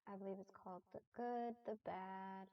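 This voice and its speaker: A woman streamer giving a casual reaction intro to viewers in a hesitant, halting, soft-spoken way. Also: medium pitch, steady tone. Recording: dull, lo-fi, distant microphone.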